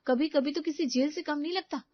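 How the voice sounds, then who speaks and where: A woman's voice: high voice, brisk, no echo, pitched above the performer's own voice, lightly acted. A woman voicing a put-upon young daughter-in-law who grumbles in an exasperated way. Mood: grumbling. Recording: slightly dull, dry close recording.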